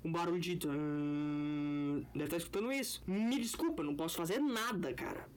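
A man hosting a casual solo podcast from his bedroom, talking in a loose, rambling and profane way. His mic gain is set too high, so his voice comes through clipped and distorted. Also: normal speed, clear, resonant tone. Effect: clipped, distorted audio from mic gain set too high. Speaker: podcast host. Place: bedroom in an apartment building. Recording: overdriven, clipping home mic.

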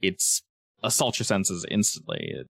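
Low-voiced man narrating as game master. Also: huge pitch swings, vocal fry, bright, forceful tone, no echo, studio quality. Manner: casual, descriptive, pauses to search for words. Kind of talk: improvised narration of a tabletop game.

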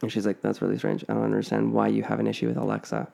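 A man's voice: fairly low pitch, completely flat delivery, rapid-fire, creaky, warm tone. A man co-hosting a podcast, telling a spooky family story in a casual, rambling way full of fillers and restarts. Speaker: podcast co-host.

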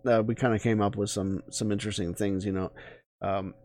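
A man's voice: lowish voice, level tone, fairly quick, darkish tone, dry recording, clean studio sound. A man co-hosting a podcast, chatting casually with lots of fillers and restarts. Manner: rambling, many fillers and restarts. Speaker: podcast co-host. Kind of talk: casual chat.

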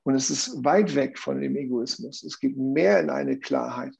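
A man's voice: mid-range voice, moderate pace, vocal fry, darkish tone, breathy edge. A man explaining a view earnestly in conversation, often checking in with tag questions.

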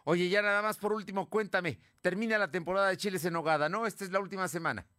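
A man's voice: sits high, quick pace, pushed and bright, dry recording, studio quality. A man anchoring a radio newscast in a conversational way, handing off to his reporters. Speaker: news anchor. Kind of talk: radio news hosting.

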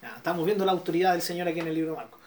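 Chilean pastor teaching a Bible study. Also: male voice, on the high side, racing, darkish tone. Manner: questioning, checks in with listeners often.

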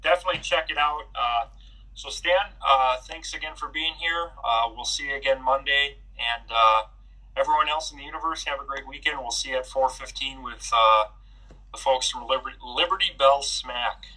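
A man's voice: medium pitch, normal speed, sharp tone, far from the mic, low-quality recording. A man hosting a casual baseball podcast, chatty and loose, with many filler words. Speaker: podcast host. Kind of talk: casual sports podcast chat.

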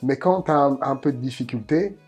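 A man's voice: mid-range voice, brisk, darkish tone, husky, soft background music. A man sharing his thoughts in a podcast talk, earnest and reflective, often restarting and repeating words. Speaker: podcast co-host.

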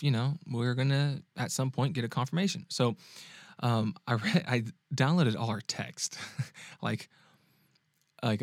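A man's voice: medium pitch, no room sound. A man with an ordinary mid-range voice shares a personal story on his podcast, recorded dry with no room sound. He talks casually and animatedly, chuckles often and stumbles into restarts as he goes. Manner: animated, laughs often, frequent restarts and check-ins with the listener. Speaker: podcast host and dating coach.

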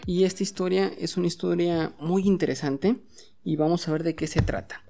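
A man's voice: high voice, fairly even intonation, normal speed, creaky, over music. A man hosting a bilingual podcast lesson at home, patiently drilling words and having listeners repeat them. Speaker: English teacher and podcast host.

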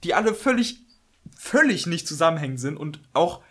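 A man's voice: fairly high pitch, big pitch swings, normal speed, a bit bright. A young man co-hosting a podcast, telling self-mocking stories in an easygoing way. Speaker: podcast co-host. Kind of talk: casual chat.

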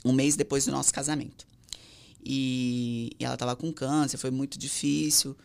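A Brazilian woman tells a personal story on an interview podcast. Her voice has a gravelly, fried texture. She slips into acted voices when she quotes other people. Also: extremely low pitch, little pitch movement, normal speed, a little mellow. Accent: Brazilian Portuguese. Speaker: guest.

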